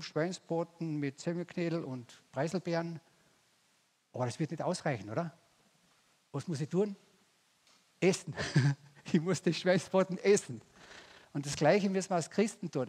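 A man's voice: fairly high pitch, darkish tone, slightly rough. A man preaching a sermon in a folksy way, often asking the congregation rhetorical questions. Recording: long church reverb.

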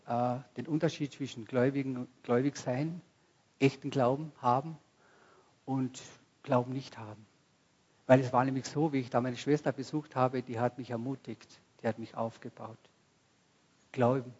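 A man's voice: mid-range voice, breathy edge, highs cut off. A man preaching a sermon to a congregation, speaking conversationally and asking the listeners questions directly. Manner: rises to loud bursts when quoting cries. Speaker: pastor. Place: church service before a congregation.

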